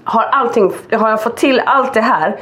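A woman's voice: a little high, a bit bright. A woman co-hosting a casual podcast, chatty and self-mocking as she tells her side. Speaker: podcast co-host. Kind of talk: casual chat.

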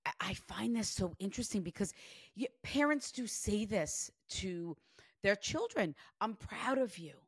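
She's a psychic medium in her forties, unhurried and a little breathy at the edges, giving a spirit reading in a chatty, animated way peppered with "like." Her medium-pitched voice comes through a dry, clean studio recording.

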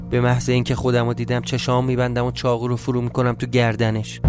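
Male storyteller, brooding tense first-person narration over faint music. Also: mid-range voice. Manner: brooding, tense inner monologue.

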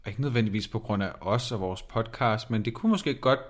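A man in casual podcast chat, co-hosting in a playful, teasing way. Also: on the low side. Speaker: podcast co-host.

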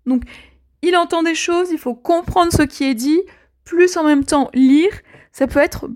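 A woman's voice: high voice, unhurried, a little mellow. A woman teaching French to learners, explaining patiently step by step and repeating her key points. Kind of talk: language lesson. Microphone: audio only, speaker not seen.

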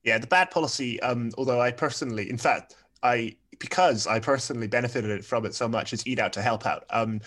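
A man's voice: mid-range voice, fairly quick, a bit bright. A young man, a podcast guest, talking through his points wryly with many fillers. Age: young adult. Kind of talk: panel discussion.

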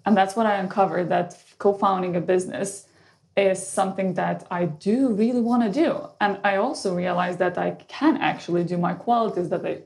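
A woman's voice: mid-range voice, normal speed, vocal fry, a little mellow. A woman in her thirties from Lithuania, a startup co-founder introducing herself on a podcast in a conversational way. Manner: conversational, restarts mid-sentence.

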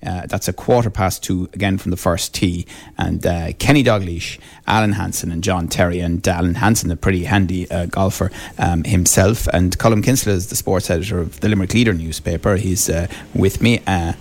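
A man with an Irish accent hosts live radio. His voice sits deep, and he presents and asks questions in an informal, conversational way. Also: steady tone, normal speed. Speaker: radio host and interviewer.

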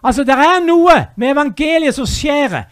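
A man preaching a fervent sermon, dropping to a hush and then rising to loud, urgent appeals. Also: very high voice, expressive, no room sound, clean studio sound.

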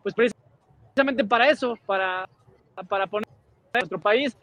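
A Mexican man giving a live remote report while his internet call keeps cutting out, his speech halting and full of repeats. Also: sits high, fairly bright tone. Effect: breaking-up internet call. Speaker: field reporter.

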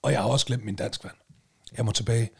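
A man co-hosting a podcast, telling a story in a casual, animated way, swearing and loudly acting out what people said. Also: medium pitch, vocal fry, breathy edge. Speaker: podcast co-host.

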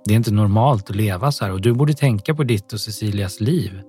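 A man voicing a blunt, protective young man in an audiobook, a little louder than his narration. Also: on the low side, soft background music, lightly acted. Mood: firm.

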